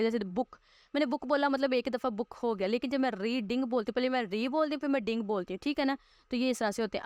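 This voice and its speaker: A woman teaching a school English lesson, reading English lines slowly and then explaining them quickly with fillers. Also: on the high side, smooth, dry recording.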